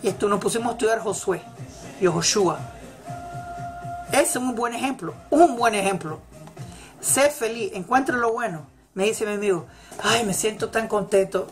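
A woman's voice: mid-range voice, expressive, moderate pace, long pauses. A woman giving a motivational religious talk, emphatic and repeating her key phrases. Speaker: religious teacher. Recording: faint music in background. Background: faint celebration music.

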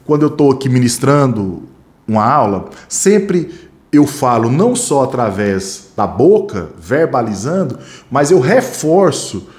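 A man's voice: medium pitch, unhurried. A middle-aged man with a Brazilian Portuguese accent, a security training instructor teaching in a classroom, talking with his hands and correcting himself as he goes. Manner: animated, talks with his hands, self-correcting. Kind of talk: classroom-style lesson with acted examples.

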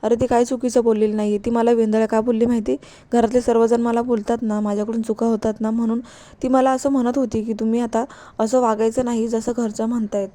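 A gentle middle-aged mother pleads with her son and tries to calm him, read by a woman. The voice is mellow and fairly high. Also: fast, natural voice. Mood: pleading. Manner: soothing and pleading.

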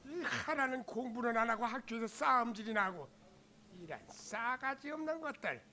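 A man's voice: very high-pitched, lively intonation, moderate pace, sharp tone, a little hiss or hum, heavily acted. An actor playing a stern senior male teacher who scolds students and gives orders to a colleague. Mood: scolding. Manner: scolding, authoritative. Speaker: school teacher in charge.

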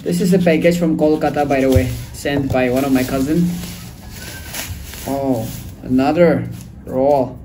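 A young man from Nagaland, chatting excitedly as he unboxes a package in a casual vlog shot on his phone. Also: mid-range voice, a little slow, long pauses. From Nagaland, India. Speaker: vlogger. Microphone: phone video recording. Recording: phone video with faint background hiss.

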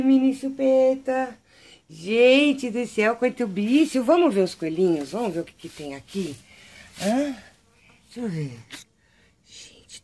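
Slow, gravelly Brazilian woman cooing at pets. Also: medium pitch, a little mellow, a little hiss or hum. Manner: affectionate, coos and baby-talks to pets. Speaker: animal channel vlogger. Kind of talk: casual vlog narration while filming. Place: outdoors among animal pens and a vegetable garden. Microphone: handheld phone camera.

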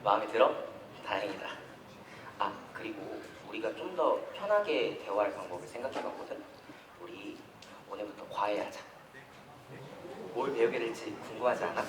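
A teenage boy in a school play, acting a soft-spoken, caring boy who teaches sign language with patience. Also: lowish voice, expressive, normal speed, long pauses, close to an everyday voice. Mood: tender. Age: teens. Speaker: student actor in a school play. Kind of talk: amateur stage acting. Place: school stage. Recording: echoey hall, mic far from stage, loud noise.

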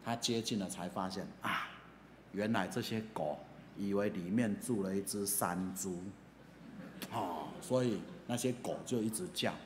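A man with a Taiwanese Mandarin accent preaches in a chatty, animated storytelling manner, full of filler particles. His voice sits at a middle pitch. The church hall echoes with long reverb over a faint ambience. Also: a little slow, a little hiss or hum. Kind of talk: storytelling sermon.

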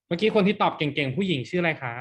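A man's voice: high voice, very fast. A man teaching an exam-prep class, playfully quizzing his students and counting through their answers.

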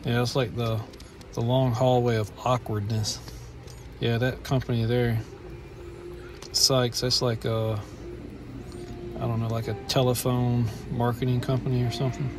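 A middle-aged vlogger films a walking tour of an indoor shopping mall on a handheld phone, bluntly complaining as he goes. His mid-range voice stays level and unhurried, with faint music in the background.

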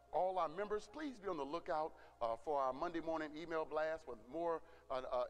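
Man, middle-aged pastor, earnest announcements, fairly high voice, long echoing reverb. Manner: earnest, repeats words, asks "Amen?". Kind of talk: church announcements.

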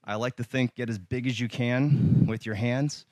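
A man leading a yoga workout, giving calm, encouraging cues with light humor and sometimes slightly out of breath. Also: mid-range voice, moderate pace, no room sound. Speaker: yoga instructor. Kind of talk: guided yoga class instruction.

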